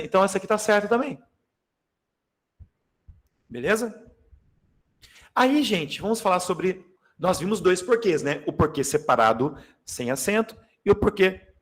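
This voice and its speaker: A man from Brazil teaches a grammar class with a high voice. He is animated and jokey, calling out to his students as he explains. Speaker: Portuguese teacher. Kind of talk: lively exam-prep class.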